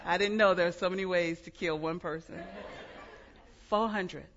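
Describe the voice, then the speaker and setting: A woman preaching a sermon, telling the story with lively humor and dropping into hushed, quiet passages. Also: on the low side, normal speed, muffled recording, noisy background.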